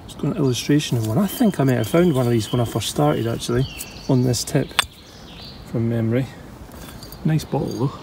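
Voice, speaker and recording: Against a noisy background, a Scotsman with a medium-pitched, creaky voice talks fairly quickly to camera. The bottle-digging vlogger is out digging for old bottles, chatty and enthusiastic, thinking aloud and sometimes out of breath.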